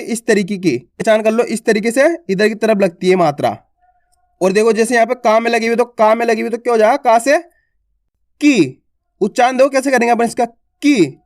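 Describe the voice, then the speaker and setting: Man teaching Hindi letters, drawn-out sounds. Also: very high-pitched, no room sound, studio quality. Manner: asks questions then answers them, repeats sounds slowly and stretched. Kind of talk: online alphabet lesson.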